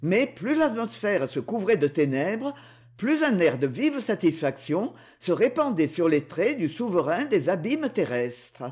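A woman narrating a mythological storybook audiobook in an expressive storytelling manner. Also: fairly low pitch, measured pace, slightly rough.

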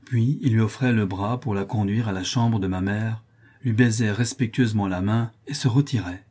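A man reading a classic novel aloud in a measured, literary narration. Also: on the low side, mellow, breathy edge. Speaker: audiobook reader. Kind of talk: scripted narration.

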